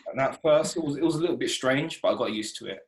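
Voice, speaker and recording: A young man hosting a casual interview, relaxed and hesitant, with many fillers. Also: medium pitch, fast. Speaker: host.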